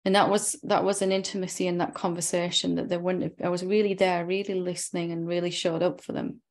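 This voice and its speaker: A woman spiritual teacher in a satsang dialogue, reflective and gently probing, often closing her points with tag questions. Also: lowish voice, flat delivery, fast.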